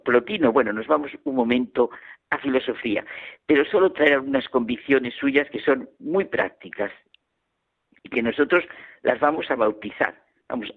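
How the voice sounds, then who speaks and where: A man giving a reflective radio homily and telling anecdotes as a preacher. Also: medium pitch. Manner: reflective, storytelling. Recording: phone-like radio sound.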